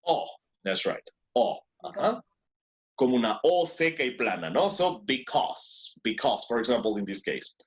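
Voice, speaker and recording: A man's voice: medium pitch, sing-song, measured pace. A man teaching an English class in two languages, who repeats words and keeps praising his students. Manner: switches between two languages to explain.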